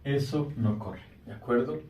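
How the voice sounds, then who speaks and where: A man who teaches English explains grammar in a patient lesson, slowing down to stress key words for his learners. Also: mid-range voice, a little mellow. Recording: roomy sound from a distance.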